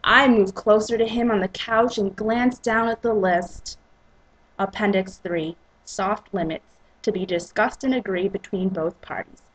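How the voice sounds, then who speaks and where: A woman narrating a romance novel as a dramatic reading, with a husky, breathy voice. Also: mid-range voice, fairly even intonation, measured pace, poor audio. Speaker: reader and narrator.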